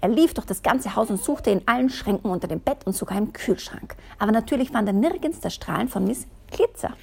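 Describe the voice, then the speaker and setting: Woman, picture book read-aloud, soft half-whisper, gravelly, husky. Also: medium pitch, animated, a little fast. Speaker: reader.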